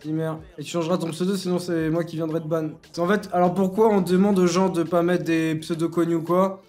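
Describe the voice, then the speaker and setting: Un jeune homme au débit très rapide et à la voix un peu haute, qui commente en admin de serveur. Il parle en argot, tranche net et taquine les joueurs sans ménagement. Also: male voice, fairly high pitch, little pitch movement, darkish tone, soft background music. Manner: slangy, bossy, teasing. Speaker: game server admin and YouTuber. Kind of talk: casual Let's Play commentary.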